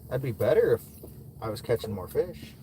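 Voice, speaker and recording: A man's voice: medium pitch, very animated, a little fast, dark tone. A man from the American Midwest livestreaming while ice fishing, chatting easily with viewers and chuckling often. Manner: laid-back, chuckles often, answers chat between fishing. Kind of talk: casual livestream chat reading viewer comments. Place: ice fishing shelter outdoors in winter. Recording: noisy outdoor ambience.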